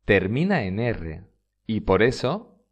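Male Spanish teacher with a Spain accent; unhurried scripted lesson delivery, very expressive pitch. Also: dull audio. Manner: slow, deliberate, stresses example words. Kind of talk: scripted instructional narration.

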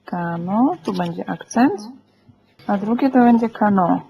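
A woman's voice: medium pitch, a little slow, creaky, dull audio, a little hiss or hum. A woman teaching a group lesson, patient and asking the class questions, often checking "tak?" as she explains. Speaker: Greek teacher.

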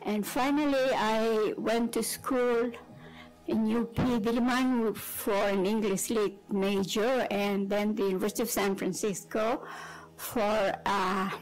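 An older woman with a Filipino accent, giving a measured academic lecture at a conference with personal asides. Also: mid-range voice, steady tone, poor audio. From Philippines. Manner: measured, digressive delivery with asides. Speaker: conference speaker.

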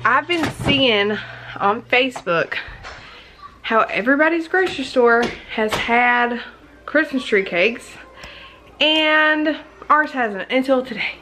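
A young woman with a high voice chats to her camera at home in a loose, rambling vlog style. She keeps breaking off to speak to her kids, and a faint hiss sits under the recording. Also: lively intonation, slow pace, bright, forceful tone. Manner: chatty, rambling, talks to camera between asides to her children. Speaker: vlogger and mother. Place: indoors at home. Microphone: handheld compact camera.

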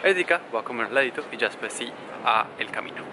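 A young Colombian man vlogs while he drives, joking with his viewers in a casual, chatty way. His voice sits at an ordinary middle pitch. The car engine and street sounds come through clearly under his voice. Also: animated, quick pace. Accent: Colombian Spanish. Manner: chatty, playful, addressing viewers directly. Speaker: travel vlogger. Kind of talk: casual travel vlog. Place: small car while driving, and outdoors in town streets. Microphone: camera mounted on dashboard or held at arm's length. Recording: noisy road and street ambience.

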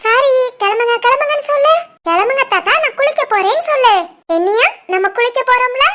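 A woman doing a sharp-tongued cartoon grandmother. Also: animated, heavy background noise. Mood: scolding. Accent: southern Tamil, Tirunelveli. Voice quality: high, bright cartoonish voice. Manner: bossy, playful, quick retorts. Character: teasing middle-aged grandmother, sharp-tongued mother-in-law.

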